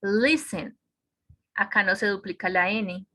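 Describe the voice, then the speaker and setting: A woman's voice: mid-range voice, takes it slowly, sharp tone. A woman teaching an online English grammar class, explaining step by step and checking in with her students. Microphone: computer microphone on a video call.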